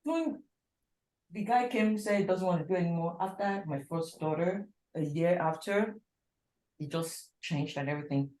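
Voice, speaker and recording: Blunt woman in her 40s, lower voice, instructor addressing a class in an echoey room. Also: normal speed, a little mellow. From Nigeria. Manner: emphatic, blunt, repeats for stress. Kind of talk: frank motivational talk in class.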